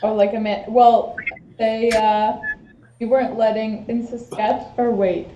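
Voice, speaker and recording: Sex: female. Role: player. Pitch: somewhat high. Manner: cuts in with short, puzzled questions. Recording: echoey, dull, noisy video-call audio. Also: flat delivery, a little slow. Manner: quizzical, interjecting with short questions. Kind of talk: casual chat.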